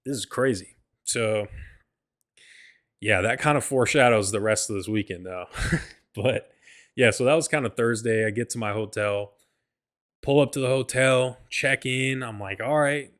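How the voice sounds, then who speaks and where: Guy on his solo podcast, rambly and excitable, swears a lot, mid pitch. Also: normal speed, long pauses. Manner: rambling, profane, heavy on "like" and "bro"; excitable, restarts and stumbles. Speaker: podcast host. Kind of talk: casual solo storytelling.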